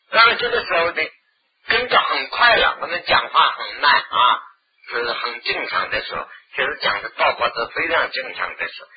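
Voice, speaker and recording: Very husky man giving a dharma talk. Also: mid-range voice. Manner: animated, acts out scenes with loud exclamations. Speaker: Buddhist teacher. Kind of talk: Buddhist dharma lecture to an audience. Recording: dull lo-fi recording.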